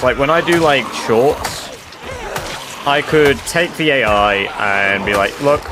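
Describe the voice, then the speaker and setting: On a live stream, this man from England talks casually with his viewers, peppering his speech with fillers and offhand swearing. His English accent has a few northern touches, his pitch is medium, and there's background noise in the recording.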